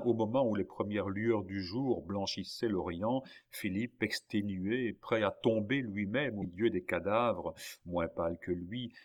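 Man narrating a classic novel, low voice. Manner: measured, dramatic pauses. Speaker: audiobook narrator.

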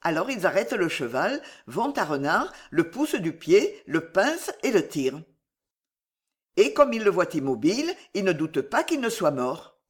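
A storyteller reading a medieval fox fable aloud in a steady, expressive way. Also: medium pitch, normal speed.

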